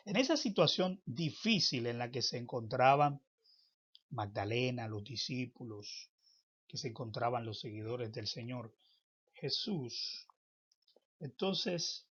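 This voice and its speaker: A man teaching a Bible lesson in a preaching style, with emphatic, drawn-out phrasing and sudden loud stresses. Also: mid-range voice, husky. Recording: dull lo-fi recording.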